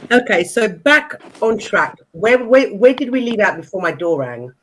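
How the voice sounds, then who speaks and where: A woman's voice: medium pitch, sing-song, normal speed, fairly bright tone. A woman hosting a casual livestream panel, steering the talk back on track and laughing easily, talking over a video call from home. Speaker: stream host.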